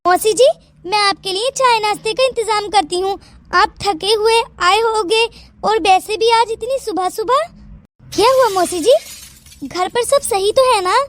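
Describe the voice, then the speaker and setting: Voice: extremely high pitch, measured pace, fairly bright tone. A voice actor playing a two-faced young daughter-in-law in a Hindi cartoon story, sugary in front of guests. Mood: sweet. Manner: sugary and polite.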